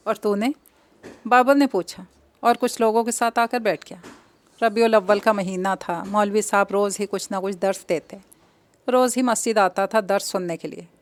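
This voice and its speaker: A woman reading an audio novel in an even, measured storytelling voice. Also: medium pitch. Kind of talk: scripted narration of an audio novel.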